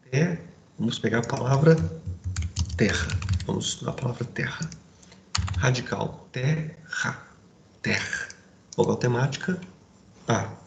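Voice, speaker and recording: A man teaching a grammar lesson, explaining step by step and checking in with his students through quick asides. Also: medium pitch, vocal fry, darkish tone. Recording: roomy echo, faint background noise.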